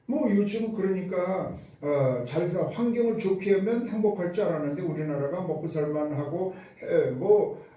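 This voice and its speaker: A man's voice: fairly high pitch, warm tone. A man preaching a sermon as pastor. He is emphatic and often asks questions that he answers himself. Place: church sanctuary. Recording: very echoey hall, voice from a distance.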